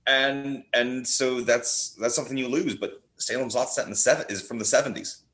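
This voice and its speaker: In a rough recording, a podcast guest who writes and performs horror chats informally, emphatic like an eager fan. He has a medium-pitched, slightly bright voice with fairly even intonation and a moderate pace.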